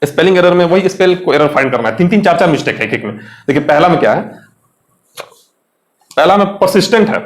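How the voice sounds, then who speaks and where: A man's voice: fairly high pitch, lively intonation, fast, long pauses, echoey room. Chatty Indian male English teacher. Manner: chatty, asks students questions, Hindi mixed with English. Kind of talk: exam lesson explaining vocabulary.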